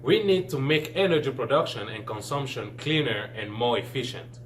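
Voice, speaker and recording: An earnest young Cameroonian man, a student, gives a scripted science presentation. His voice is mid-range at a normal speed, with slight background noise.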